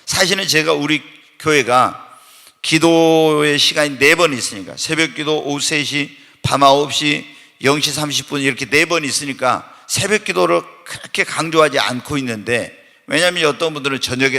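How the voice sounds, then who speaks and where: A man preaches in a church sanctuary with a long hall reverb trailing his words. His voice sits high for a man and sounds sharp and bright, and he peppers the congregation with rhetorical questions and now and then shouts for emphasis. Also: moderate pace, gravelly. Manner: bursts into loud, shouted emphasis. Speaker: pastor. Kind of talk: Korean evening church sermon. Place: church sanctuary during a Wednesday night service.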